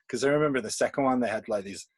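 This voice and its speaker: The guest, a comics artist from England whose native tongue is Polish, talks fast in a husky, medium-pitched voice. He wanders from point to point in this casual remote podcast interview, laughing frequently between thoughts.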